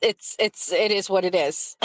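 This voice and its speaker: A woman with a mid-range voice tells a story on a live stream at an unhurried pace, in a dry recording. She rambles, filling her speech with "like" and laughter, and reads out chat comments and answers them.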